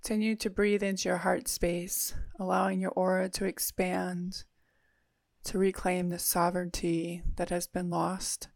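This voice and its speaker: A woman leading a guided meditation in a soothing, unhurried manner with long pauses. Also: lowish voice, flat delivery, gravelly, a little mellow, no room sound, studio quality.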